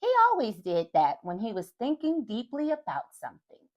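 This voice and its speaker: A woman reading a picture book aloud to young children in an animated way, stopping to talk to her listeners. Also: medium pitch, moderate pace, lo-fi sound. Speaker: children's storyteller.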